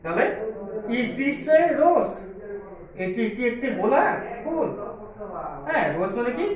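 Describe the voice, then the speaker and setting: A man's voice: very high-pitched, very animated, takes it slowly. A man with a Bengali accent teaching English to small children, spelling words out letter by letter and checking after each one whether they follow. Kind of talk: slow, drilled English lesson for small children. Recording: echoey room, far from the mic, noisy crowd behind.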